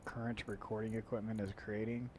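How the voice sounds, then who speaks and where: Male let's play host, lowish nasal voice, rambling and muttering casually, cheap mic with faint chopper-like noise. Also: little pitch movement, fairly quick, a little mellow. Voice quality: nasal, congested-sounding. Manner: rambling, muttering to himself while playing. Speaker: gaming video host. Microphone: low-quality microphone. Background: helicopter-like equipment noise.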